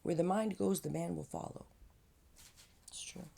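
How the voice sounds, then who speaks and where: A woman's voice: fairly low pitch, moderate pace, creaky, dark tone. A woman giving rambling, slangy self-help advice in a casual vlog, chatty and full of asides. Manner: rambling and slangy, says man and dude; chatty with frequent fillers and laughs. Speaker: vlogger.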